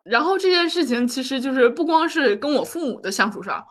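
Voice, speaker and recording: A woman's voice: high voice, expressive, brisk. A woman in her twenties, a podcast co-host, chatting casually about her own life and rambling through fillers and restarts. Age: 20s. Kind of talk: casual personal chat.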